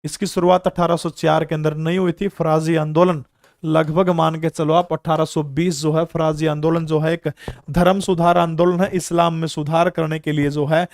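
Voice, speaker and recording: A man's voice: on the high side, flat delivery, normal speed, a little mellow, no room sound, studio quality. A man in his thirties with a Haryanvi accent, teaching an online general-knowledge exam class and quizzing students with rhetorical questions.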